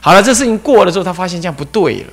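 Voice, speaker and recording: A man giving a Buddhist dharma talk as abbot, telling stories with lively rhetorical questions. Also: high voice, rapid-fire, gravelly. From Taiwan. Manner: animated storytelling with rhetorical questions.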